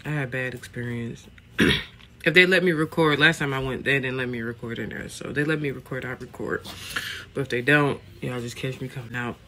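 A man's voice: mid-range voice, brisk, bright, forceful tone, a little hiss or hum. A man in his late twenties chatting animatedly to his viewers in a casual vlog, calling them y'all. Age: late 20s. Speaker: vlogger.

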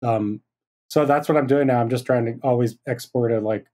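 Mellow-voiced man, rambling casual talk. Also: medium pitch, a little fast. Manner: relaxed, rambling with fillers and restarts. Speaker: guest, hardware designer. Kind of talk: casual interview chat.

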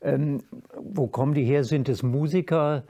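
An older man hosting a formal interview in a studio, speaking in a measured way with frequent fillers. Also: a little high, warm tone. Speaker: host, interviewer. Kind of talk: moderated interview. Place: dark studio stage, indoors.

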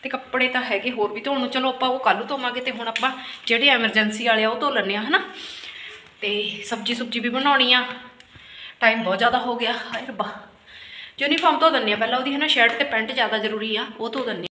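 A middle-aged family vlog host with an Indian Punjabi accent chats casually, often checking in with little tag words. She talks fast in a slightly high, sharp voice, recorded in an echoey room with faint background noise.

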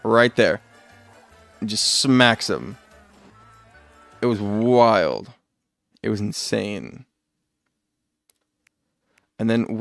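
A man's voice: mid-range voice, gravelly. A man streaming a video game live, chatting casually and rambling, often muttering asides and correcting himself. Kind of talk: casual live gameplay chat.

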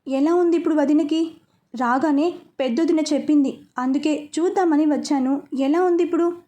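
A woman's voice: high voice, moderate pace, dark tone, close to an everyday voice. A woman voicing a caring young woman who asks anxious questions about a sick relative.

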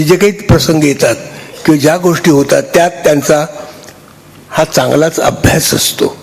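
An older man gives a halting, chatty speech on stage, thanking people and joking with the audience. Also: fairly high pitch, gravelly. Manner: halting, restarts, warm and chatty with the crowd. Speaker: honoree giving a speech.

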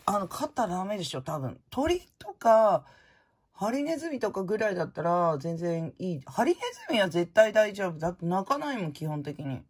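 Fairly low, a little mellow and husky, this woman's voice carries a frank, casual chat as she unboxes prizes for her vlog. Her talk drifts freely between topics.

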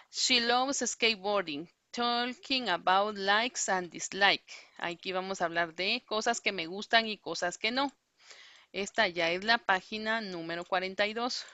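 Slow-paced, bright-voiced woman teacher. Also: mid-range voice, dry recording. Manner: explains in Spanish, models English words slowly and repeats them. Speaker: English teacher. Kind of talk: online class walkthrough.

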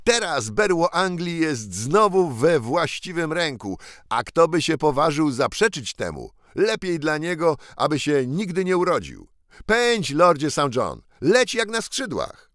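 A man's voice: a little high, measured pace, no room sound, studio quality, voice pushed up. A man reading as an eager, earnest pauper boy on the throne. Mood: exultant. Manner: animated, pleading reminders. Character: poor boy crowned by mistake, eager and earnest.

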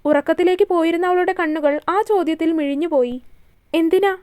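A woman narrating a romantic serial story in a soft, steady storytelling manner. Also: very high voice, normal speed.

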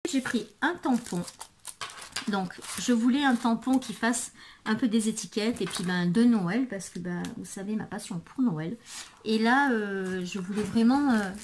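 A woman presenting craft supplies in a casual video, hesitant and full of fillers, murmuring softly while she handles things. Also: fairly high pitch, a little hiss or hum. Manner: hesitant, many fillers and restarts. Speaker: craft vlogger. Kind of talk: casual product show-and-tell.

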